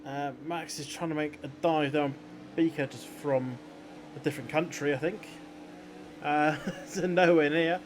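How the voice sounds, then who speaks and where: A man's voice: a little high, steady tone, measured pace, slight background noise. A man working as a motorsport commentator, giving conversational analysis of the race. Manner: motorsport commentator explaining incidents and strategy.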